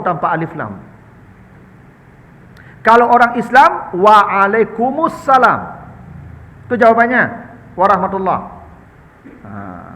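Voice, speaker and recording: A man's voice: high-pitched, sharp tone, big-room sound. A man with a Minangkabau accent preaching in a chatty, humorous way, often addressing his listeners as sir and ma'am. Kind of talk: conversational Islamic study talk answering questions.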